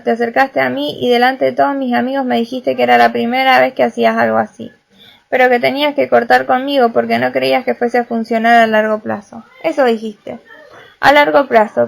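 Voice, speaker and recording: A woman's voice: on the high side, creaky. A woman reading the lines of a guarded young woman remembering an old childhood breakup in an audiobook. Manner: wary, reproachful recollection.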